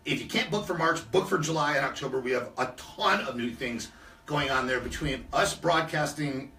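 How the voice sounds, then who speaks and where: A man's voice: medium pitch, moderate pace, bright, forceful tone, roomy sound, recorded from a distance. A man co-hosting a live radio show in a studio, upbeat and plugging upcoming events. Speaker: radio co-host.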